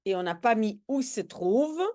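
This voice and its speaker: A woman language teacher reading a comic aloud and explaining it slowly and carefully. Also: a little high, animated, dark tone.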